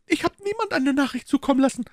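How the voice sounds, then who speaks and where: A sulky housemaid shrieks back in a high, shrill voice, as a man puts her on. She talks fast and coarsely, all defiance. The sound is close and dry, with no room around it. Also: animated, dry recording. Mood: defiant shrieking.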